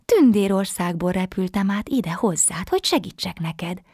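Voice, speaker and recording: An eager, kindly little butterfly-winged fairy from a bedtime storybook, as a woman reads her part, speaking in a soft, breathy voice that sits a touch higher than her low narration. The sound is close and dry, with no room around it. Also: no echo. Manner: bright, encouraging, eager. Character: small cheerful helpful kindergarten fairy with butterfly wings.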